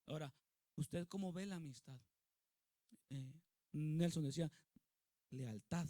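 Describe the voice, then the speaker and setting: A male pastor preaches with emphasis and keeps turning to his listeners with questions. His voice sits high for a man. The recording is dry and close, with no room echo. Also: measured pace, dark tone. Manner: emphatic, asks the congregation questions. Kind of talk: sermon.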